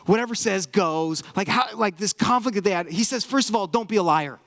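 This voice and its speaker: A man's voice: high-pitched, brisk. A young man preaching a sermon as pastor, talking casually and acting out quotes in different voices. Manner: animated, conversational, acts out quotes.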